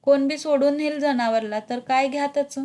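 A woman's voice: high voice, fairly even intonation, moderate pace, warm tone, lightly acted. Storybook role: anxious rural wife, read by a woman, fretful. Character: worried village wife, fretful.

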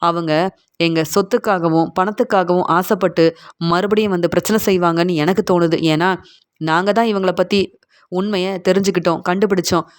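A woman's voice: fairly low pitch, close to an everyday voice. Woman doing older dad, wronged and pleading, serial scene retold. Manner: pleading, aggrieved. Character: tearful older father pleading for son.

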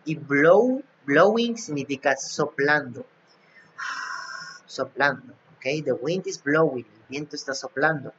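Speaking slowly in a fairly high, fairly bright voice, a man teaches young pupils by repeating and translating English phrases. It's a dull lo-fi recording made with an app on an unseen device, carrying a little hiss or hum.

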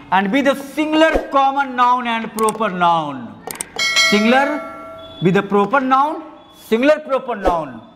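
A man's voice: very high voice, a bit bright, long reverb tail. A male teacher with an Indian accent giving a grammar lecture, repeating points and speaking fondly to his students. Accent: Indian English. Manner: repetitive, addresses students fondly, drawn-out English phrases. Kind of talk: classroom lecture.

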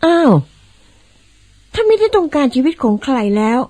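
An actress playing an excitable mother who exclaims and describes what she sees, in old-style radio drama acting. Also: extremely high pitch, moderate pace. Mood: exclaiming. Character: excitable mother, easily startled.

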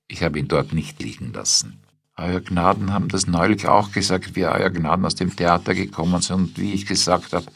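A man's voice: deep voice, normal speed, vocal fry, fairly bright tone, husky, pitched above the performer's own voice, exaggerated voice. A man voicing a loyal, aggrieved lady's maid who complains plaintively, in a spoken story. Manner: plaintive, reproachful, wailing.

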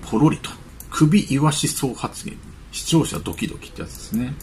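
A man's voice: medium pitch, fairly quick, a little mellow, slight background noise. A man hosting his own channel, reading celebrity news items aloud and breaking off into chatty, musing asides. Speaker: channel host. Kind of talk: casual commentary on celebrity news.

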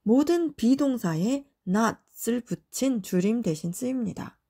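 A woman's voice: a little high, lively intonation, slow pace, mellow. A woman teaching English expressions in a friendly, explanatory tone. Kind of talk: lesson narration.

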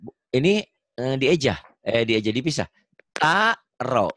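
A deep-voiced male teacher on a video call, walking a beginner through Quran reading. He models each syllable loudly and coaxes with light jokes. The sound is dry and close. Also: expressive, normal speed, dry recording. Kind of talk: online one-on-one reading lesson.

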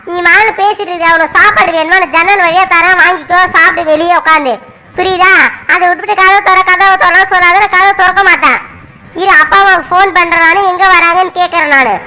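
A woman's voice: extremely high pitch, sharp tone. A woman doing a scolding elder sister. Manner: scolding, lecturing. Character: stern bossy young village woman, older sister. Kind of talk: cartoon voice acting.

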